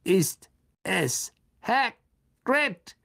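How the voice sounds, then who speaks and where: A man voicing an ancient, irritable, blind giant male spider in an audiobook, speaking in a slow, hissing half-whisper that drags out each word. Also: high voice, very animated, vocal fry, sharp tone, pitched above the performer's own voice, heavily acted. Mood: irritated. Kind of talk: audiobook character voice.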